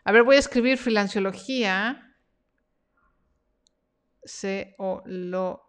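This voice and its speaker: Speaking at a slow pace in a mid-range voice, a woman runs a live Q&A stream on her freelance workshop, chatting warmly and reading out comments from viewers with encouragement.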